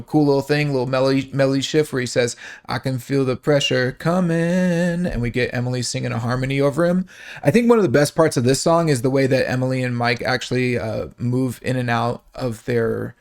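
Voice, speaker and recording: Man, song breakdown host, casual explanation, mid pitch, fillers and restarts, hums sounds. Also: darkish tone. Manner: thinking aloud with many fillers and restarts.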